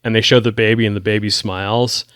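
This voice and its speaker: A man's voice: on the low side, flat delivery, a bit bright, clean tone, dry recording, clean studio sound. Sarcastic man recapping a TV episode. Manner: sarcastic, recaps plot in quick summaries. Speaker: podcast co-host recapping episodes. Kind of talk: casual chat.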